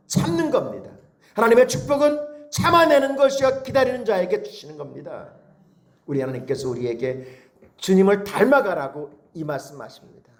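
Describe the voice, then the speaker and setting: A male pastor delivers a lively Sunday sermon, his voice sitting a little high and swinging widely up and down. He keeps pulling the congregation in with questions and repeated calls, preaching with animated energy.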